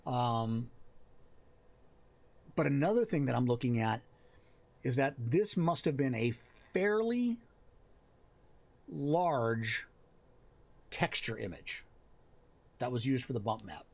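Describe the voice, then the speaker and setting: A man with a gravelly, fry-edged voice at a middle pitch, talking his way through a live help stream. He muses aloud and pauses to find his words as he looks over the screen. His tone stays casual and unscripted. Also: sing-song. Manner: thinks aloud, pausing and restarting as he reads. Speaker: host of a writing and worldbuilding help stream. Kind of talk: casual live-stream chat while reviewing work on screen.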